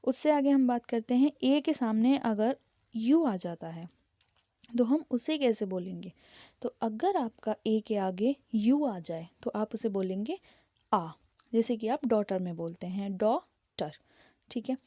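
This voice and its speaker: A woman's voice: fairly high pitch, expressive, measured pace, warm tone, dry recording, lo-fi sound. A woman teaching English pronunciation, patiently spelling words out letter by letter and repeating them. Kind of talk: slow explanatory grammar lesson.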